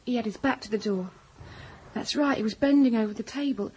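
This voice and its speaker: A woman's voice: a little high, brisk, darkish tone, husky. An actress playing a frightened young servant girl who talks nervously and stammers. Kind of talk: radio drama.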